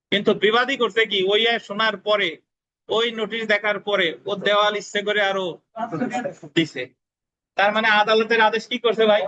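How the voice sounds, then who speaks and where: High bright-voiced male law tutor. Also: dull audio. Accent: Bangladeshi Bengali. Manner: repeats key points, asks students if they understand; dictates spelling letter by letter. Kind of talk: classroom law lecture.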